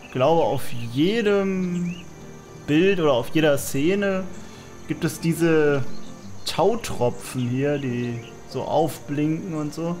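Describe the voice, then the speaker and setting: Male let's play host, casual commentary, slightly high voice, faint music underneath. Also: darkish tone.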